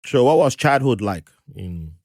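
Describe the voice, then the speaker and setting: Male podcast host, animated storyteller, dry studio sound. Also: medium pitch, measured pace, no echo. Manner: animated storyteller, laughs often, acts out quoted voices. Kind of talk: casual interview chat.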